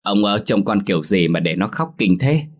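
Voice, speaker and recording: A man's voice: on the low side, expressive, normal speed, husky. A man voicing a stern old grandmother who scolds her husband, in a firm tone.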